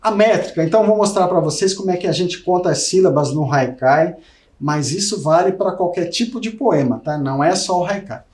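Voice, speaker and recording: A Brazilian man with a Brazilian Portuguese accent teaches a recorded video lesson, explaining things to students and often checking in with them, addressing them directly with frequent "né?". His voice is high, animated and brisk with a darkish tone, and the room sounds echoey.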